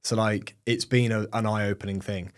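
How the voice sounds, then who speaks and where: This podcast guest, a young agency owner from England, speaks British English in a lowish, clear and resonant voice, with flat delivery at a moderate pace. He chats informally and fills his sentences with "like" and "um".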